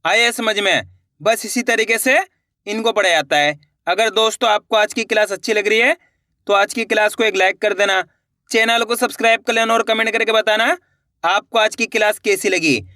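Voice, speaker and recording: Teaching Hindi reading one syllable at a time, a man sounds out each letter before blending the word, calling his viewers friends and checking that it's clear. His voice sits high and is bright and forceful at a moderate pace, recorded dry at studio quality.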